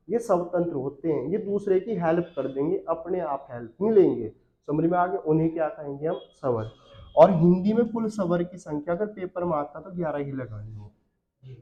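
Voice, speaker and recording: A male teacher giving an exam-prep grammar lesson, asking questions and answering them himself. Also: fairly high pitch. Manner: asks and answers his own questions, repeats lists. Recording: muffled lo-fi audio.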